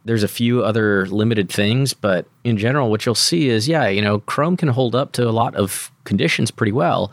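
A man's voice: fairly low pitch, moderate pace, hardly any pauses, dry recording, studio quality. A man co-hosting a podcast, explaining technical matters in a casual, colloquial way. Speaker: podcast co-host.

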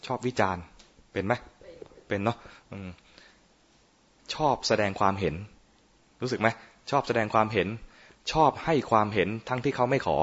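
On a muffled lo-fi recording, a Buddhist monk gives an informal dharma talk on meditation, teasing his listeners and often quizzing them. His voice is lowish, a bit bright and slightly rough, at a moderate pace with frequent pauses.

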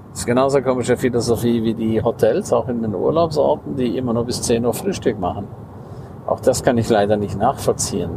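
A man with a gravelly, creaky voice talks a casual podcast monologue outdoors. He rants indignantly and keeps tossing in tag questions. Traffic and street noise fill the background. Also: lowish voice. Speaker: podcast host and coach.

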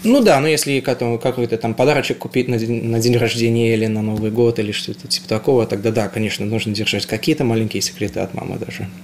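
Young man, casual halting interview answers, faint noise. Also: mid-range voice, steady tone. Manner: hesitant, halting, with frequent restarts. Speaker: interview guest. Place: house.

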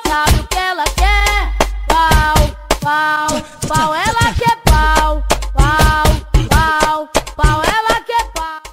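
A woman's voice: high voice, very slow, pauses often. A woman chanting a short phrase over and over in a song clip, with the phrase echoing and repeating. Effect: echoed phrase repeats. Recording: echoey song clip with loud music.

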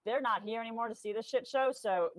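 Lively woman medium telling stories. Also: a little high, brisk, no room sound, poor audio. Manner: lively, animated, acts out quotes with laughter. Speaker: guest medium. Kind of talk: casual storytelling chat.

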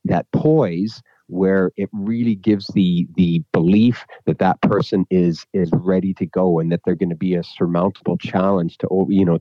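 Brief: male guest expert, very deep voice, hesitant, dull dry recording. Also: no echo. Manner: thoughtful, hesitant, many restarts. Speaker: podcast guest, neuropsychologist. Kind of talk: conversational interview.

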